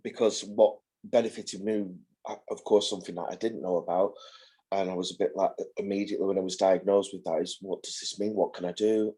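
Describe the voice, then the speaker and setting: A man in his forties with a somewhat low voice shares his experience in a support group over a video call. He talks hesitantly, restarting and repeating his words as he works out what to say. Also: a little mellow, breathy edge. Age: 40s. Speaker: carer and group participant. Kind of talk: casual group chat.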